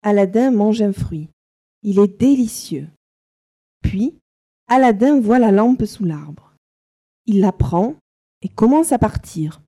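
Woman narrator, slow careful storybook reading, mellow tone. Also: mid-range voice, lively intonation. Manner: slow, simple, carefully articulated.

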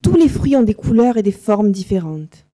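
A woman narrating a simple storybook slowly and carefully for learners. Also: mid-range voice, sing-song, mellow. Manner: slow, simple, carefully articulated.

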